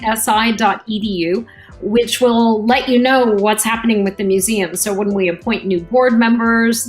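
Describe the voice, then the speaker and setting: A woman official speaks loosely in a panel conversation, dropping fillers as she goes. Her pitch sits in the middle. Faint music plays underneath. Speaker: museum official.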